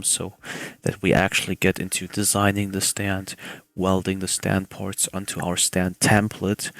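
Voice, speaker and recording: A young man hosting a casual game development tutorial in a hushed voice, keeping quiet at night. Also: low-pitched, gravelly, dry recording. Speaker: tutorial host.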